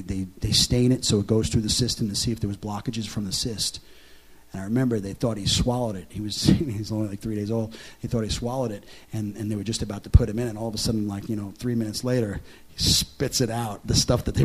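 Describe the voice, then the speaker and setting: A male pastor preaching a sermon as a story, chatty and full of fillers and restarts, swinging into excited preaching. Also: lowish voice, slightly rough. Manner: conversational, with frequent "like" fillers and restarts; dramatic preacher who builds to loud, excited delivery.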